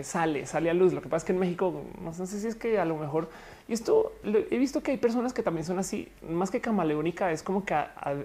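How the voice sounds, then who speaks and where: Young woman streamer, Mexican Spanish accent, low and warm, chatty with viewers. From Colombia. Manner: chatty, reads viewer comments aloud. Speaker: live streamer reading chat. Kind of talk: casual live stream chat.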